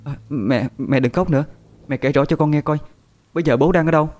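A man's voice: medium pitch, racing, a little mellow, voice pushed up, lightly acted. A man voicing a nineteen-year-old village girl who pleads and scolds in a raised voice. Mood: anxious.

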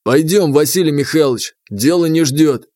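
A man voicing a grumpy, hungover prince who talks gruffly and swears. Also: fairly high pitch, normal speed, mellow, no echo, lightly acted. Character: hungover grumpy middle-aged prince, blustering.

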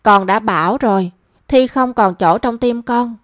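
A woman's voice: a little high, unhurried, dry recording, studio quality, close to an everyday voice. A woman reading a young man's lines in a story, his speech pleading and self-reproaching. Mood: rueful. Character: lovesick young man, pleading and rueful.

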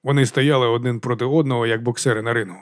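Fast-paced male audiobook narrator. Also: mid-range voice, fairly even intonation, no room sound, clean studio sound. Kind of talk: scripted novel narration.

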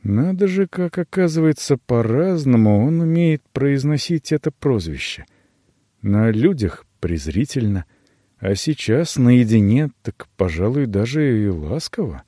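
A man narrating a novel as an audiobook in an animated storytelling manner, recorded dry and close. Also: mid-range voice, unhurried, no room sound.

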